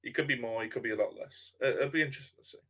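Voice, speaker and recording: A man's voice: mid-range voice, rapid-fire, fairly bright tone. Laid-back young man. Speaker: podcast co-host. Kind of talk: casual chat about football cards.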